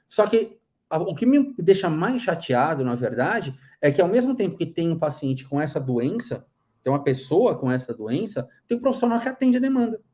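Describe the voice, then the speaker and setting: A man's voice: on the high side, very animated, moderate pace, a little mellow. A man with a Brazilian Portuguese accent, teaching aesthetics professionals in a casual live class, blunt and critical, often restarting phrases. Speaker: dental aesthetics instructor.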